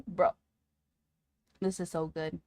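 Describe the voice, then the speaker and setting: Female livestreamer, cute excitable anime-streamer delivery, very lively intonation, close dry sound. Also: lowish voice, dry recording. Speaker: livestreamer talking to chat. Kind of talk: casual livestream chat.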